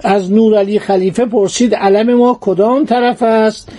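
A male storyteller recounting history with lively narration that slides between formal and colloquial phrasing. His voice sits high for a man yet sounds warm and mellow.

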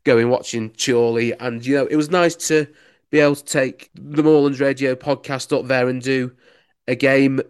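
Speaking smoothly at a normal pace, with a medium pitch and fairly even intonation, a young man from Lancashire answers interview questions casually. He's a local radio sports reporter, chatting with enthusiasm and dropping in plenty of "you know"s.

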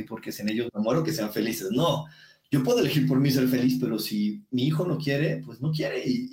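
A man with a Mexican accent, a guest calmly explaining ideas with everyday examples. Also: medium pitch. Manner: calm, coaching tone, everyday examples. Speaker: guest speaker. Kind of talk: explanatory conversation. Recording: echoey room.

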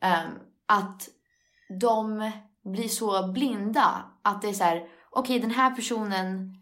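A young woman in casual chat, lively and laughing easily, mixing Swedish with English phrases. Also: medium pitch.

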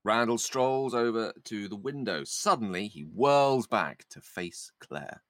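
A man's fairly low voice with a lively, swooping range. He reads stage directions from a script and drops in casual asides, in a dry recording. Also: measured pace, no room sound.

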